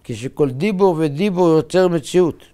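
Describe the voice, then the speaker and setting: A man, a rabbi, preaching a sermon in short, emphatic, measured phrases. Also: on the high side, dark tone, clean tone.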